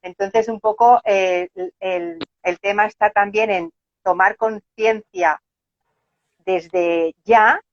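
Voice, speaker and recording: Mujer pensativa con audio apagado. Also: female voice, mid-range voice, fairly even intonation, slow. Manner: thoughtful, hesitant, many fillers. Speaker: host. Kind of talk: live conversation on non-duality. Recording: dry, muffled live-stream audio.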